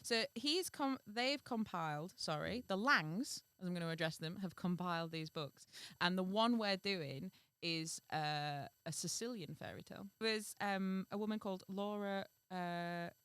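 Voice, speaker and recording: Bright chatty woman. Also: on the low side, moderate pace, hardly any pauses, smooth, dry recording. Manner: chatty, giggly, reads story passages in a steadier tone. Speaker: podcast co-host and storyteller. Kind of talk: casual chat and reading a fairy tale aloud.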